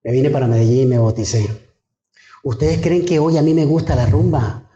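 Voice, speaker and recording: A man's voice: mid-range voice, normal speed, mellow, reverberant, lo-fi sound. A man, a pastor preaching a sermon and fervently telling his own testimony to the congregation. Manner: fervent storytelling, addresses the congregation as brothers.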